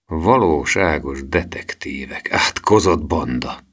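A man doing a slow, grumbling police sergeant. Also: deep voice, expressive, fairly bright tone. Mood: gruff.

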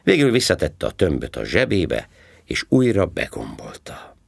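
Deep gravelly male storyteller. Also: no room sound, studio quality. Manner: calm, low, unhurried storytelling. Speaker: narrator reading a story. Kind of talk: audiobook narration.

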